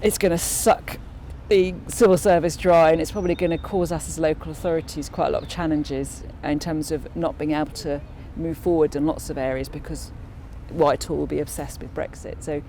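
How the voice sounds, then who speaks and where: Low-voiced woman councillor, mellow. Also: fairly even intonation, fairly quick, few pauses, a little hiss or hum. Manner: thoughtful, frequent restarts and fillers. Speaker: local councillor. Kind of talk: interview answers.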